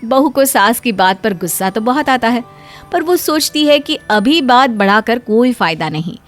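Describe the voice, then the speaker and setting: A woman narrating a cartoon story in a lively storytelling manner. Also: on the high side, moderate pace, faint music behind.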